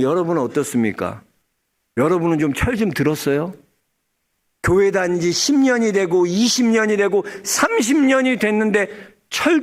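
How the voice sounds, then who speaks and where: Animated high-voiced Korean pastor. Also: male voice. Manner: animated storytelling, acts out dialogue, addresses congregation directly. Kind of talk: sermon.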